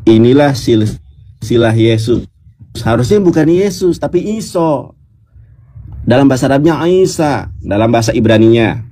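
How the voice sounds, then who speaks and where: A man from West Java, talking patiently like a teacher on an online discussion call and chanting verses in a sung intonation over a quiet, low-input mic. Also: lively intonation, moderate pace. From West Java (Sundanese). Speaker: speaker explaining scripture. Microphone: detached sound card, quiet input.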